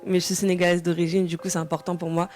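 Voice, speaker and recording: A woman's voice: lowish voice, level tone, rapid-fire, a little mellow, soft background music. Hesitant young French woman singer. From France. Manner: hesitant, many fillers and restarts. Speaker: singer, interview guest. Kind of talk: casual interview answers.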